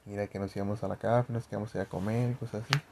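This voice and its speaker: A man's voice: lowish voice, fairly even intonation, very fast, creaky, noisy background. Slangy young Mexican guy telling a story. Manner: slangy, profane, rambling storytelling. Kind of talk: casual personal anecdote.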